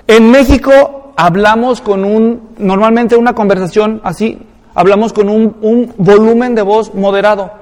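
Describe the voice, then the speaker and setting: A man, a Mexican pastor with a Mexican Spanish accent, preaching an expository sermon and acting out everyday examples in an animated way. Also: a little slow, in a large hall. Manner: animated, acts out everyday examples with rising pitch.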